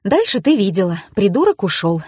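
An excitable young woman, dramatic and loud, her voice high and shrill, as a woman reads her in an audiobook. The husky tone sits in a dry, close recording. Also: brisk, dry recording. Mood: indignant. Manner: shrill and breathless, higher pitched.

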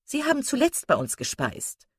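A woman's voice: high-pitched, wildly swooping pitch, moderate pace, breathy edge, dry recording, studio quality, pitched above the performer's own voice, exaggerated voice. Prim cool lady of the manor, raised voice, read by a woman. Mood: protesting.

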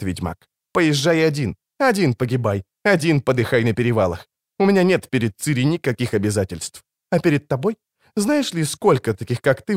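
A man voicing a proud, scorned sorceress in an audiobook reading, with biting sarcasm that softens into pleading. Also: medium pitch, dry recording, clean studio sound, lightly acted.

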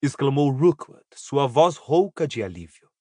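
A man narrating an audiobook in a steady, even storytelling voice. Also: medium pitch, unhurried, no echo, studio quality. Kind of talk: scripted narration.

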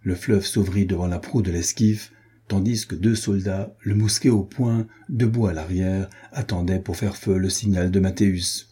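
Dark, husky male audiobook narrator. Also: deep voice, steady tone, moderate pace. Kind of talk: scripted narration.

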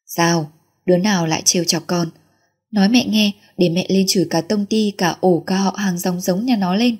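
A woman voicing a loud-mouthed, fiercely protective working mother in an audiobook, husky and mellow. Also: fairly low pitch, moderate pace.

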